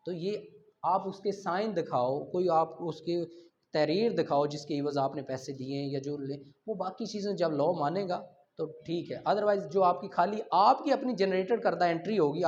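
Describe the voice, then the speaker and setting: A man with a Pakistani accent gives a law lecture, reading formal text aloud and explaining it point by point while mixing English legal terms with Urdu. His voice is high-pitched and a little mellow, and the lo-fi audio sounds dull and muffled.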